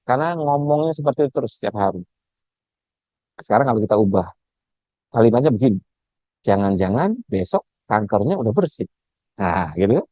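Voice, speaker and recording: Indonesian man lecturing, repeating phrases. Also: dry recording. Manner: repeats phrases over and over for emphasis, animated swings in pitch. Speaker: speaker teaching a free webinar. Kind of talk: casual lecture on a healing method. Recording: dull, dry lo-fi recording.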